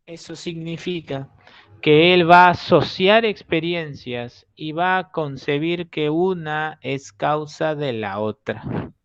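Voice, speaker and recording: A man teaching an entrance-exam prep class, walking through concepts with acted-out examples. His voice sits fairly high and he keeps checking in with listeners as he explains. The recording is dry and close, with no room sound. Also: takes it slowly, a bit bright, smooth, no echo, lo-fi sound.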